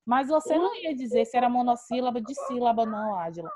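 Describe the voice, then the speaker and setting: A woman's voice: a little high, animated, quick pace, mellow. A woman teacher with a Brazilian accent, patiently explaining grammar in an online class and repeating key terms.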